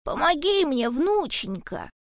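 Woman doing creepy old witch granny, slow hushed coaxing voice, dry audiobook sound. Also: high voice, sing-song, gravelly, no room sound, pitched above the performer's own voice, heavily acted. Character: sinister old witch posing as a frail granny. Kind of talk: audiobook character voice.

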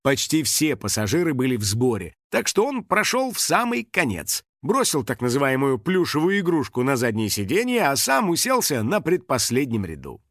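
Animated male storybook narrator. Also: mid-range voice, normal speed, hardly any pauses, no echo, clean studio sound. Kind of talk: expressive audiobook narration.

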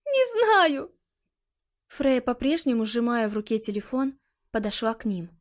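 A woman reading an audiobook in a measured, expressive way. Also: a little high. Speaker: audiobook narrator. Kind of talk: scripted audiobook narration.

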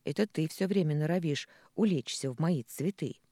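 A man voicing a gruff, joking middle-aged village man who grumbles wryly. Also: fairly high pitch, normal speed, mellow, no room sound, clean studio sound, natural voice.

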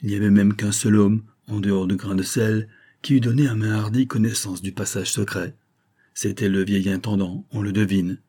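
A man reading a classic adventure novel aloud in a measured storytelling manner. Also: fairly low pitch, fairly even intonation, mellow, slightly rough. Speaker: audiobook narrator. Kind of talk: scripted narration.

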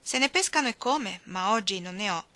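A woman reads a sun-worn old woman who sells honey by the road, folksy and full of tall tales. She teases with a bright, lively tone, playing her fibs with a straight face. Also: mid-range voice, brisk, no echo. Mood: teasing. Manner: teasing, folksy tall-tale telling. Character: chatty old Southern woman selling at a roadside stand.

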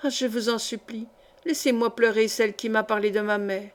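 A woman's voice: a little high, steady tone, moderate pace, lightly acted. A woman voicing a timid, mistreated young foundling servant girl who speaks in a pleading, tearful way.

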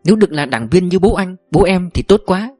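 A man reading an audiobook voices an anxious young woman who pleads softly with her boyfriend. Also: high voice, lively intonation, fairly quick, dry recording, soft background music, voice pushed up. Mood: worried. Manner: worried, pleading.

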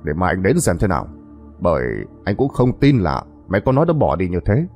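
A calm older village elder, as a male storyteller puts him on speaks low and steady. His husky, rough-edged voice still rises and falls a good deal. Faint music sits in the background. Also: full character voice. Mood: grave. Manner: low, measured, reassuring.

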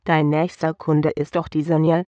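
A man's voice: on the high side, level tone, moderate pace, a little mellow, smooth, no room sound, dull audio, close to an everyday voice. A man voicing a woman who urgently coaxes a friend into helping with a scheme. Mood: coaxing. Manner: urgent, coaxing. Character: pleading woman plotting a scheme.

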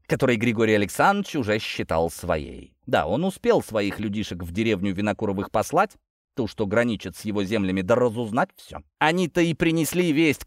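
A man narrating an audiobook in an expressive storytelling read. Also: mid-range voice, no echo, studio quality. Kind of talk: scripted narration.

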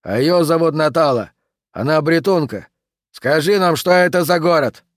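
In an audiobook, a man performs a proud, blunt barbarian warrior using a loud, gruff, raised voice pitched above his own, though still close to an everyday voice and on the high side. He speaks at normal speed, and the studio-quality recording has no room sound.

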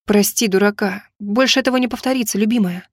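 A woman reading an audiobook voices a persistent young man who pleads slowly for forgiveness. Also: medium pitch, no room sound, studio quality, natural voice. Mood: pleading.

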